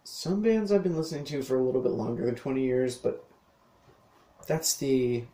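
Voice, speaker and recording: Speaking at normal speed with a warm, expressive, medium-pitched voice, a man in his thirties hosts a podcast alone. His monologue rambles, with plenty of fillers, restarts and casual cursing.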